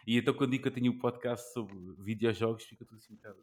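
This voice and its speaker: A man in his forties with a European Portuguese accent, hosting a gaming podcast in casual chat, pausing often with fillers and restarts. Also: medium pitch, fairly even intonation, darkish tone. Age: 40s. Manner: hesitant, many fillers and restarts. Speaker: podcast host.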